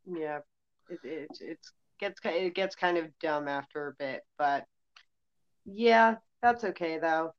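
A sarcastic woman co-hosting a horror podcast, teasing and swearing casually. Her voice sits a bit low, and the recording sounds dull and lo-fi. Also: takes it slowly, clean tone. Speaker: podcast co-host.

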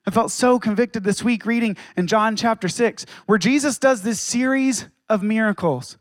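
High-voiced preacher, dry close sound. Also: male voice, no echo. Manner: preaching with dramatic pauses and acted quotes. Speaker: pastor. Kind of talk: sermon.

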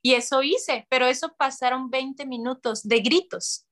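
A woman's voice: high voice, a little slow. A woman, casually telling a story as a guest and acting out voices. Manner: animated, acts out voices, laughs often.

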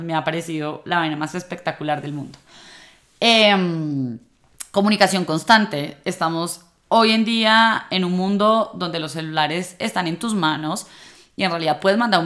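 A woman's voice: medium pitch, a bit bright. Woman, late 20s, personal vlog talk, thoughtful and chatty with restarts. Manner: reflective, conversational, frequent fillers and restarts.

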